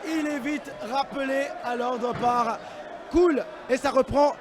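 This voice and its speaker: Very high-pitched excitable male fight commentator. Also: takes it slowly, crowd noise, background noise. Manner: excitable, exclamatory. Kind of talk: live combat sports commentary.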